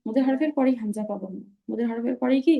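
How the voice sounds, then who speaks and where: A woman's voice: on the high side, racing, vocal fry, highs cut off. A woman teaching Quran recitation in an online class. She explains patiently and keeps checking that her students understand.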